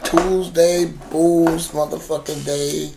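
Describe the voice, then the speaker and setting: This voice is a podcast co-host with a rough, gravelly edge who chats casually. The talk is slangy, full of swearing, and circles back on the same words while a thought forms. A faint noise sits under the voice. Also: medium pitch, little pitch movement, slow pace. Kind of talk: casual chat.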